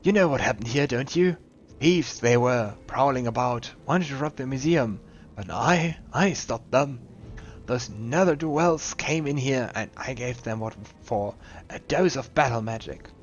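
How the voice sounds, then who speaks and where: A man's voice: mid-range voice, lively intonation, a little slow, slight background noise, natural voice. A man reading as a rambling old custodian. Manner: rambling, wandering questions. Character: old, confused male museum custodian, rambling. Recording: slightly dull lo-fi recording. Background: faint game music.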